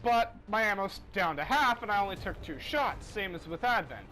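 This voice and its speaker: A man's voice: sits high, lively intonation, moderate pace, sharp tone. A man giving casual, rambling, self-deprecating commentary while playing a video game. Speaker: gaming commentator. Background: faint game music.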